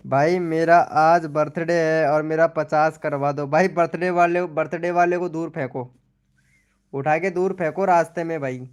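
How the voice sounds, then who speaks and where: A young man hosts a casual live stream, reading out viewer comments and teasing people by name. His voice sits a little high and comes through smooth and clear. He talks in a loose, repetitive way, going back over the same phrases. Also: steady tone, unhurried, lo-fi sound. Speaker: live stream host promoting channels.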